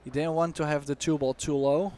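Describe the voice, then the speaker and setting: Male pool analyst, higher voice, explanatory. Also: fairly even intonation, mellow, slight background noise. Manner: explanatory, measured, uses fillers like "you know". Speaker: expert co-commentator. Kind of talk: analytical sports commentary.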